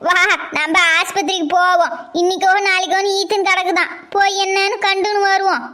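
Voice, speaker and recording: A woman's voice: extremely high pitch, little pitch movement, a little fast, pushed and bright, voice pushed down. A woman voicing a bossy, scornful old woman who gossips and scolds.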